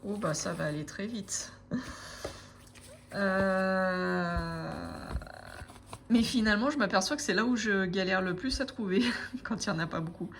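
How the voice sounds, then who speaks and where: A woman in her forties chatting casually to camera as a craft vlogger, hesitant, with frequent pauses and fillers. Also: mid-range voice, gravelly, background noise.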